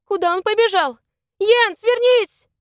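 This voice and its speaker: A woman's voice: extremely high pitch, unhurried, no room sound, studio quality, pitched above the performer's own voice. A woman reading voicing a frightened young woman who cries out in alarm. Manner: desperate shouting.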